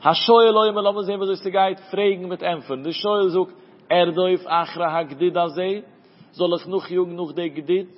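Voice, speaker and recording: Male Talmud teacher, fairly high voice, study singsong, long reverb on a dull recording. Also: fairly even intonation, moderate pace. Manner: chanting study singsong, mixing Hebrew terms into Yiddish-flavored German. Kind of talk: Talmud lesson. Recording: dull audio in a reverberant room.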